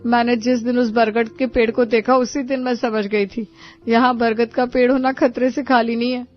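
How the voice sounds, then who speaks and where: A woman's voice: a little high, level tone, normal speed, natural voice. A woman playing an insistent, gossipy sister-in-law. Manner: insistent, told-you-so. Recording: dull lo-fi audio with music.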